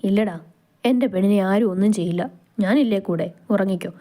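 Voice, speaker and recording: A protective young husband in a storybook romance, soothing and earnest, his mellow voice staying close to an everyday tone, as a woman narrator voices him. He reassures and explains with steady care. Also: mid-range voice, brisk, close to an everyday voice. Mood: tender. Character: young man, protective and tender groom.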